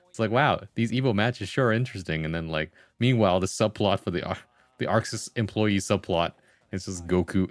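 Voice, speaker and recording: Chatting casually with his livestream audience, a low-voiced host reads comments aloud and riffs on them conversationally, leaning heavily on "like" and "bro." The recording is dry.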